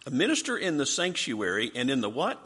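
A man leads a Bible study with a forceful, bright voice that swings widely in pitch. He teaches in an animated way and keeps throwing questions to the group. There is a husky edge to his tone. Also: a little fast. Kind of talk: interactive Bible class teaching.

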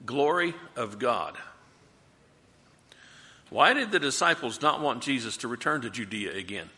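A man leading a group Bible study, teaching and asking the group questions in an animated way. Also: mid-range voice, a little slow. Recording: reverberant room.

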